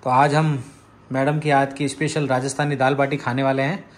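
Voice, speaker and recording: This is a casual house tour vlog in which an Indian vlogger in his thirties, raised in Rajasthan, chats as he guides viewers through each room of his apartment on a handheld phone. His medium-pitched voice shows little pitch movement, and his pace is moderate.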